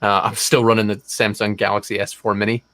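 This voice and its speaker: A man's voice: on the low side, level tone, brisk, a bit bright, dry recording. Dry-sounding man riffing wryly on a stream. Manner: wry, profane, thinking aloud. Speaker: stream host. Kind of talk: casual chat.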